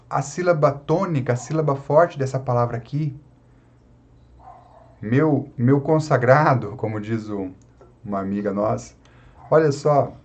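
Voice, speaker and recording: A man teaching an online Latin lesson in Brazilian Portuguese, explaining patiently with frequent tag questions. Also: medium pitch.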